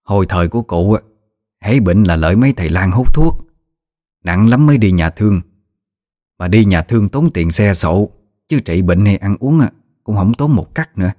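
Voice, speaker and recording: A man's voice: low voice, mellow. Man voicing a blunt old great-aunt. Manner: blunt, exclaiming, rustic speech.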